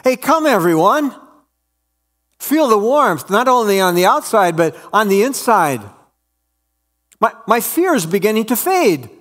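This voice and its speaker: A male preacher voicing a woman in a story, speaking in a hushed, marveling way. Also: mid-range voice, very animated, slow pace, pauses often. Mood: wondering. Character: wondering woman finding warmth. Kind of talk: sermon storytelling.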